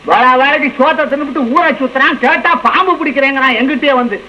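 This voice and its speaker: A man's voice: very high voice, quick pace, crowd noise. An actor playing a grumbling old village blacksmith father who scolds his lazy son, in old film comedy acting. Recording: dull lo-fi old film soundtrack.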